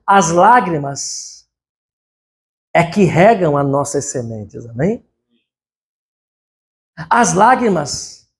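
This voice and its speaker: A man preaching a sermon at a church service, calling out "amen?" to the congregation and swinging between loud exclamations and quiet asides. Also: sits high, vocal fry. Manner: emphatic preaching with call-and-response "amém?". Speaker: pastor.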